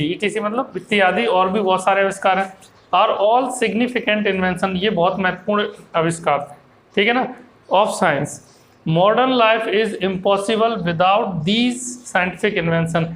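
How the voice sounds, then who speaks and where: A man teaching an English essay in an online class. He explains each line in Hindi and reads the English phrases out slowly, checking in with "theek hai na" as he goes. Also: high-pitched, fairly bright tone, reverberant, low-quality recording. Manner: coaxing, repeats "theek hai na".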